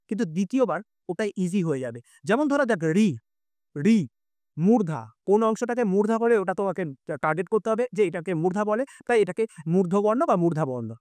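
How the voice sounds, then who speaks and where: A man's voice: high-pitched, darkish tone, no echo. A man teaching a live online class, explaining step by step, sounding out vowels and correcting himself as he goes.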